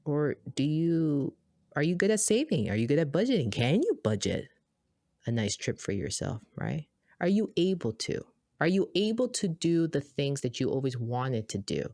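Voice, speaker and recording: A woman from Boston co-hosting a podcast, telling stories in an animated, emphatic, casual way. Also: sits low, normal speed, no echo, clean studio sound. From Boston, USA. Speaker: podcast co-host.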